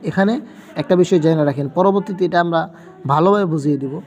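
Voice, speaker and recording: A man's voice: high-pitched, fast talker, a little mellow, big-room sound, highs cut off, soft background music. A man teaching a Quran reading lesson, patiently spelling out letter sounds one by one and repeating them.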